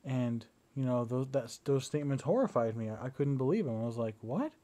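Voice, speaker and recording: Brisk and medium-pitched, a young video diarist speaks into a battery-powered camera while lying down indoors at home. The casual diary is relaxed in tone but hesitant, with lots of fillers and restarts.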